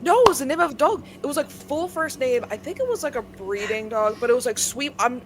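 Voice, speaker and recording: A young woman with a Philadelphia accent co-hosting a casual podcast chat, chatty and quick to laugh. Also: sits high, expressive. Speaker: podcast co-host.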